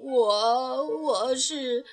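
A woman's voice: high voice, extremely slow. A woman voicing a shy, humble old god of poverty who talks bashfully and apologetically in a storybook reading.

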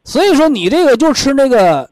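A man with a Northeastern Chinese accent, working as a health expert on a radio programme, gives a caller folksy health advice. He talks colloquially and repeats himself, explaining through homely analogies. His very high-pitched voice is sing-song, fairly quick and darkish, on a dry recording.

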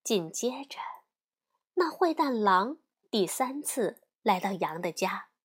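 Slow, gentle woman reading a bedtime story. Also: medium pitch, very animated, slightly rough. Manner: gentle, addresses child listener. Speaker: storyteller host.

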